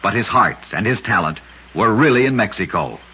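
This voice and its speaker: A man narrates short true oddities as a radio host, reading a vintage-style script with dramatic storytelling and an American accent. His voice is on the low side and husky, expressive and a little fast, with a pushed, bright quality. The sound is dull and lo-fi, like vintage radio.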